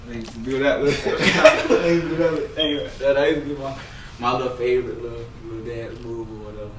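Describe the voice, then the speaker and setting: A young rapper being interviewed chats casually and tells stories in slangy talk, often repeating his phrases. His voice is medium-pitched, steady, and brisk. The recording is roomy, with a distant mic and loud background noise.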